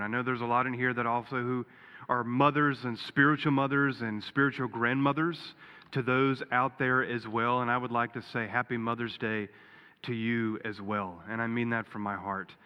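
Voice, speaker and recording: A man's voice: mid-range voice, clear, resonant tone. Man preaching in a reverberant church. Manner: folksy storytelling with a joke, earnest. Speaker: pastor. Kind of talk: sermon. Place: church sanctuary. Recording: dull, reverberant church recording.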